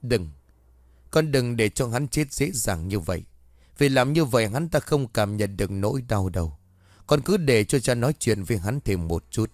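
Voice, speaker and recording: A man's voice: medium pitch, lively intonation, moderate pace, a little mellow, no echo, studio quality, natural voice. A man voicing a vengeful, gloating older man. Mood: stern. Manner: gloating, menacing. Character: vengeful middle-aged man, cold and mocking.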